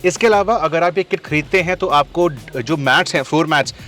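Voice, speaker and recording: A man's voice: fairly high pitch, brisk, faint music behind. Indian man hosting a car walkaround. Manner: mixes Hindi and English, conversational; energetic presenter, frequent uh fillers. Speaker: car reviewer host.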